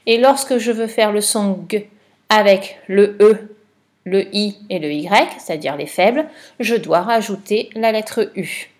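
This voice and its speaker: Female teacher, unhurried dictation voice, patient, clear spelling. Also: medium pitch, a little mellow. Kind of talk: slow dictation lesson for a child.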